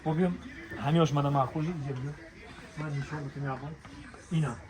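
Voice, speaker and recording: A man's voice: a little high, steady tone. A man with a Tajik accent giving spontaneous, repetitive sales patter like a bazaar merchant, calling people to come, look and buy. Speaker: shop promoter presenting clothing deals. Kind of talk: spontaneous sales patter on a shop walk-through. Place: inside a large clothing shop. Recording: busy crowd noise around the voice.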